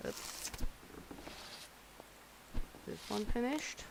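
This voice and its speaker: Woman gaming, slow drawly talk, kinda high voice, cussing at customers for fun. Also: lively intonation, gravelly, noisy background. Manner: grumbling and swearing at customers; playful, talks to herself while working. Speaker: gamer playing a cooking simulation. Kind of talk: casual gameplay commentary.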